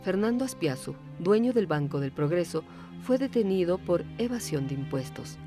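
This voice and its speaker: A woman reading scripted documentary narration in a measured, even way. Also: fairly low pitch, soft background music. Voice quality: measured, even delivery of figures and facts.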